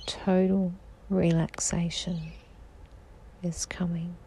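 A woman guiding a sleep meditation in a slow, soothing voice that drifts into whispers. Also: fairly low pitch, flat delivery, dark tone, a little hiss or hum. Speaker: sleep hypnosis guide.

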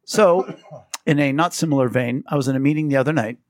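A man's voice: fast, no echo, clean studio sound. A middle-aged man, telling stories as a podcast host in casual chat. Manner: animated storyteller, jumps high on quoted lines.

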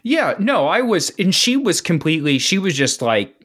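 A man's voice: sing-song, normal speed, fairly bright tone, husky. A man co-hosting a podcast, telling a long story in casual chat with lots of fillers and restarts. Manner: rambling storyteller, lots of filler and restarts, swings pitch for quoted voices. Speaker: podcast co-host.

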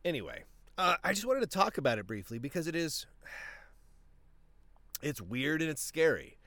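A man with a fairly high voice hosts a casual political commentary podcast at a moderate pace, animated and full of restarts. A tickle in his throat keeps making him cough, and the recording is dry.

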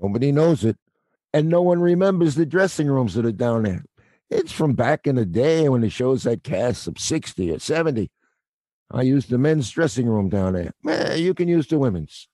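A man performs a middle-aged night watchman for an audio play: gruff-seeming yet fatherly, wry and world-weary, pitched in the middle. He sounds warm and animated, with a dark tone, natural voice, and moderate pace, captured in a dry, close recording.

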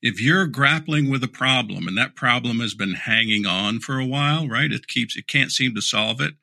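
Middle aged guy, super bright voice, frank and a bit sarcastic, stumbles and restarts a lot. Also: medium pitch, normal speed, gravelly. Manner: candid, dryly sarcastic, repeats words when restarting. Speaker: leadership speaker and guest. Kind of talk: conversational interview answers.

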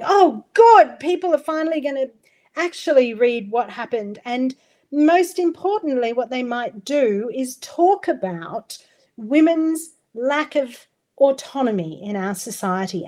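A woman's voice: fairly high pitch, a little mellow. A middle-aged Australian woman talking candidly and expressively as a podcast guest, swearing freely. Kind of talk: podcast interview.

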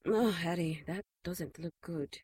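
Slow, breathy, caring nun. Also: female voice, lowish voice, a little mellow, no echo. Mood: measured, reproving. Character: shaken but caring, gently reproving nun. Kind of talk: audio drama acting.

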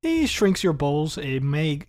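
This Cuban-raised podcast guest in his twenties speaks slowly in a slightly high voice. He is still animated and laughs a lot in the casual chat, often restarting sentences with repeated words.

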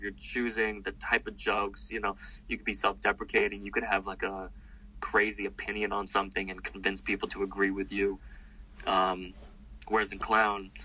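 A man's voice: fairly low pitch, husky, rough recording. A male comedian being interviewed, talking in a loose, rambling way with lots of fillers and restarts. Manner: rambling and animated, with many fillers. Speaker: comedian guest. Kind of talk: casual interview talk.

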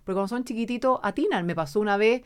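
A woman's voice: mid-range voice, rapid-fire. A middle-aged woman with a Chilean Spanish accent, a podcast guest who talks casually and acts out quoted voices as she tells stories.

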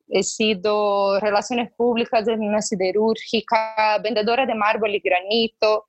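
A woman's voice: a little high, dull audio. A woman from Brazil, speaking Spanish with a Brazilian Portuguese accent as a podcast co-host, chatting casually and thoughtfully with small hesitations.

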